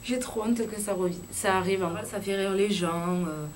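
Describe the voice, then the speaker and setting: A young woman with a southwest French accent from Lot-et-Garonne, chatting casually and frankly to her camera with lots of filler pauses. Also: medium pitch, slight background noise. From Lot-et-Garonne, southwest France. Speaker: YouTuber. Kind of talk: casual chat vlog.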